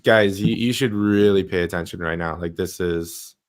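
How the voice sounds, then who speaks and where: Laid-back low-voiced co-host man. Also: fairly even intonation, moderate pace. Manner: laid-back, calls people "bro". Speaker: livestream co-host. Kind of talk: casual livestream chat.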